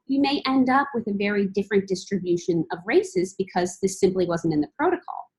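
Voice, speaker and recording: A woman presenting research as a PhD candidate, explaining it in a measured, formal and methodical way. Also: medium pitch, rough recording.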